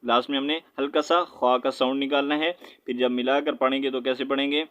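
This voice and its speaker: A man with a Pakistani Urdu accent teaching Quran recitation, spelling out letters and vowel marks, then reciting slowly and drawn out, with quick low explanations. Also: fairly even intonation, fairly bright tone, muffled recording. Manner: explains quickly in a low aside, often asking "right?".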